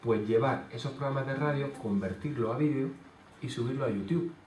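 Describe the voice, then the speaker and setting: Male lecturer, halting explanatory delivery, distant mic in a reverberant hall, faint background noise. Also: mid-range voice, a little mellow. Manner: explanatory, many hesitation fillers. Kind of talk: conference talk. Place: conference hall. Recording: roomy hall sound from far off.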